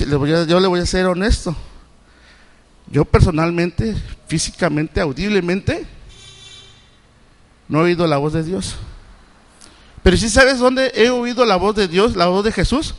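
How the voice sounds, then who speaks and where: A man's voice: sits high, long reverb tail. A middle-aged man from Mexico preaching a Sunday school sermon. He keeps asking the congregation questions and often stops and restarts his sentences. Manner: asks the congregation repeated questions; halting, with many restarts. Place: church sanctuary.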